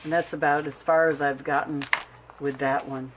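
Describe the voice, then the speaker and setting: A middle-aged woman hosting a casual crafting vlog, chatting and telling an animated story as she shows her journals. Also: low voice, normal speed, background noise. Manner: animated storyteller who acts out quotes. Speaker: craft video host.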